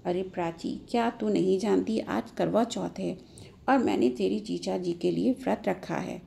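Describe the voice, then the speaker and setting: A woman's voice: mid-range voice, a little slow, vocal fry, dark tone, a little hiss or hum. Chatty elder sister, read by a woman narrator; familiar, complaining.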